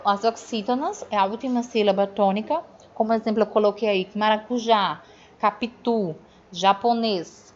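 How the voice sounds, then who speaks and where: A Brazilian woman teacher going over grammar in a recorded review lesson, explaining step by step and checking in with her students. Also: a little high. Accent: Brazilian Portuguese. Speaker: Portuguese teacher. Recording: dull lo-fi audio.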